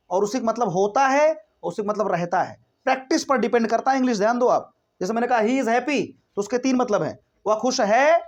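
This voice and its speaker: A man teaching a spoken English grammar lesson, explaining step by step with rhetorical questions and reading example sentences slowly before translating them. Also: very high-pitched. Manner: explains step by step, keeps asking rhetorical questions and saying "theek hai".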